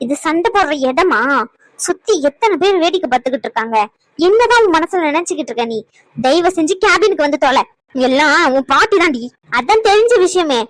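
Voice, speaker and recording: A woman voicing an exasperated grown daughter in a cartoon, scolding her mother with sharp rhetorical questions. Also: extremely high pitch, no echo, poor audio. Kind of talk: cartoon voice acting.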